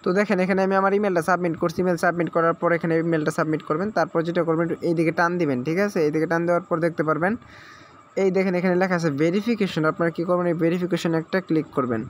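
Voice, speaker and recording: Speaking very fast in a fairly high, steady voice, a man hosts a screen-recorded tutorial on signing up for an app. His instructions are repetitive and step by step, with frequent check-ins and English words mixed in, and a little hiss or hum is audible.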